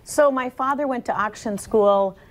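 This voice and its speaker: A woman's voice: on the high side, normal speed. A woman auctioneer speaking earnestly and personally as an interview guest.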